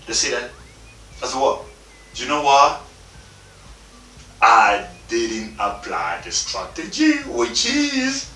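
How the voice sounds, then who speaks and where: A man's voice: fairly high pitch, bright, forceful tone. A man, giving an emphatic motivational talk with informal, repetitive phrasing. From Democratic Republic of the Congo. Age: 30s. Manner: emphatic, repeats himself, informal non-native English phrasing. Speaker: motivational speaker. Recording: echoey room, mic at a distance, faint music.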